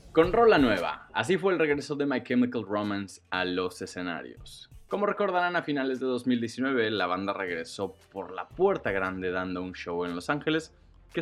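A Mexican man with a lowish voice presents scripted podcast news, very animated, with music playing underneath. He stresses the start of each phrase and lets the endings drop, keeping his wording casual.

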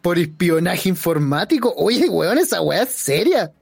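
A woman's voice: fairly low pitch, big pitch swings, a little slow, vocal fry, darkish tone, slightly rough, dry recording. A Chilean woman chatting casually in a teasing, jokey way. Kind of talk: casual chat.

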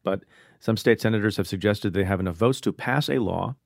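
Gravelly low-voiced man hosting a podcast. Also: no room sound, studio quality. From India. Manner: measured, explanatory, reads ad copy. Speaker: podcast host. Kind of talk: podcast monologue and interview.

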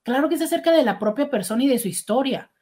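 A woman's voice: high-pitched, fast. A middle-aged woman hosting a casual show and chatting animatedly as she reads listener messages. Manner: chatty, warm, animated with exclamations. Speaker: radio host reading listener messages. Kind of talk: casual call-in show chat.

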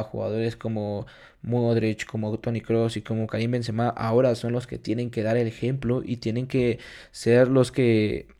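A man's voice: mid-range voice, creaky, mellow. A man hosting an unscripted football preview, weighing players against each other and repeating key words for emphasis. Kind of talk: unscripted match analysis.

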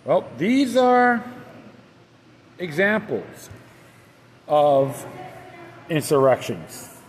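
A man's voice: a little high, big pitch swings, drawn-out words, long reverb tail, slight background noise, poor audio. A man hosting a solo podcast, reading articles aloud and then adding loose, casual commentary with some stumbles and restarts. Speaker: podcast host.

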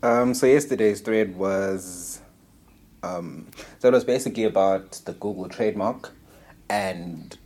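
A man's voice: sits low, measured pace, a little mellow, husky. A man co-hosting a podcast in a casual, conversational way. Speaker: podcast co-host.

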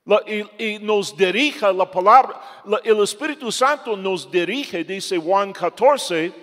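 This is a man preaching a sermon in a church, slow and deliberate. His fairly high voice moves between loud emphasis and quiet stretches. A long reverb hangs behind him. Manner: emphatic, swings from loud to soft. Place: church hall.

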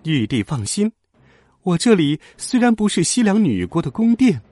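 A fierce female scorpion demon in a storybook, voiced high and husky by a man putting her on. She swings between coaxing sweetness and shrill threats. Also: big pitch swings, moderate pace, warm tone, dry recording.

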